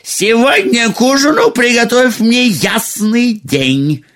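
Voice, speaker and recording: A man voicing a cruel, greedy old ogress witch queen in a storybook reading, with slow, drawn-out commands. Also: very high voice, big pitch swings, a bit bright, voice pushed up, heavily acted. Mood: menacing.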